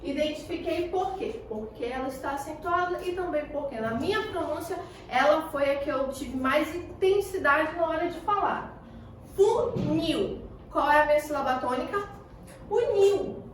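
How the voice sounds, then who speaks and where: A woman's voice: high voice, a little hiss or hum. Woman, Brazilian accent, schoolteacher, answers her own questions, stretched words, very echoey room, far from the mic. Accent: Brazilian Portuguese. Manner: asks questions and answers them herself, stretches key words slowly. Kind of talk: recorded remote class lesson.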